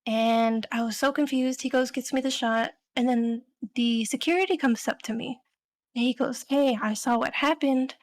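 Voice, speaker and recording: A woman's voice: fairly high pitch, steady tone, moderate pace. A young adult woman co-hosting a podcast, telling a story in a rambling, casual way full of fillers. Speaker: podcast co-host.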